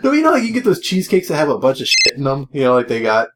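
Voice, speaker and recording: Rambling, animated man chatting about beer. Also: on the high side, rapid-fire. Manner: rambling, filler-heavy, animated. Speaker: beer review co-host. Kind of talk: casual chat.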